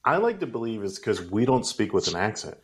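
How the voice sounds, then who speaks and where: A man's voice: on the low side, very animated, brisk. A man hosting a casual film discussion, rambling and drifting into tangents.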